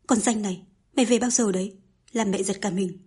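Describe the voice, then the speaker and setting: Bossy scolding old mother, read by a woman, very breathy, husky voice, storybook reading. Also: mid-range voice, a little fast, dark tone, lightly acted. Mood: flustered, coaxing. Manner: scolding, pushy. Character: stern, scheming old mother who cannot read.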